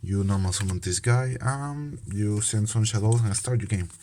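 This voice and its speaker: Hosting a casual card game video, a young Peruvian man speaks in a fairly low, warm voice at a moderate pace, over a little hiss or hum. Spanish is his first language, with a Peruvian accent. This medical student and channel host is hesitant, full of fillers and restarts.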